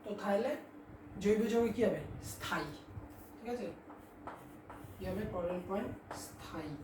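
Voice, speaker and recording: A woman teaching a class, asking questions and answering them herself, dictating points slowly for her students. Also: medium pitch, background noise. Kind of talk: classroom chemistry lesson. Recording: echoey room, mic at a distance.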